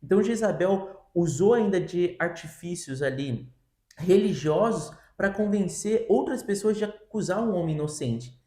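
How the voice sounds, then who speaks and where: A man's voice: high voice, lively intonation, normal speed, warm tone, roomy sound. A man explaining a Bible reading in a casual, conversational way, full of fillers. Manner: conversational, many fillers like né and tipo assim. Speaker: co-host of a Bible reading podcast.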